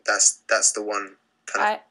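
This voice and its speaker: Bright-voiced British man, halting and relaxed. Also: fairly low pitch, rough recording. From Britain. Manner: relaxed, hesitant, lots of fillers and restarts. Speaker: lead singer of a rock band. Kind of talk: casual interview.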